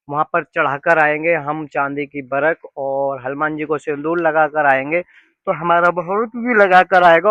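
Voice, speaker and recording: A man's voice: on the high side, fairly bright tone, no echo, lo-fi sound. A man chatting casually to his viewers in a family vlog, affectionate and playful with his children. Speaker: family vlogger. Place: home, indoors and rooftop.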